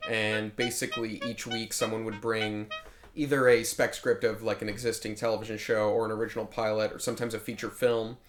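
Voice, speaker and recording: Thoughtful young man, measured talk. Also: on the low side, flat delivery, slight background noise. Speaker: interviewee. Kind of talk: casual interview.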